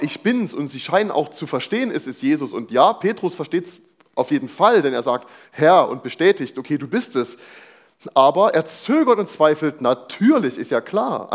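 Young male preacher, animated pitch, chatty sermon with slang and rhetorical questions. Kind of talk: sermon reading and explaining a Bible passage.

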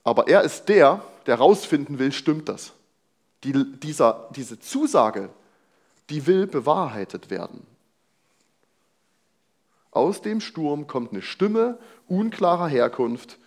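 Young male preacher, animated pitch, chatty sermon with slang and rhetorical questions. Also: slow pace, pauses often. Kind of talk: sermon reading and explaining a Bible passage.

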